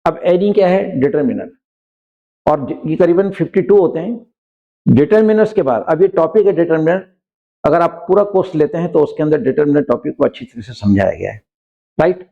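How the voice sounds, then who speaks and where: A man teaching an English grammar lesson, explaining patiently and reading example sentences slowly, often checking in with his students. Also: fairly high pitch, lively intonation, creaky, highs cut off. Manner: frequently checks in with listeners.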